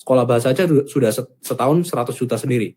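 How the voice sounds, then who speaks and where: Casting: male course founder, rapid chatty pitch, mid-range voice. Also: a little mellow, breathy edge. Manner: chatty, fillers like gitu ya. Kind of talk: casual sales pitch.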